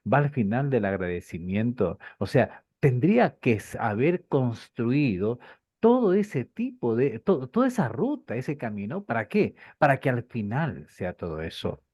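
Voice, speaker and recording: A man teaching a Bible class, lively and rhetorical, with lots of repeated phrases and questions to his students. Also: medium pitch, measured pace, slightly rough, no echo. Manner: animated, rhetorical questions and repetition. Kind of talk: class lecture. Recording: dull lo-fi dry recording.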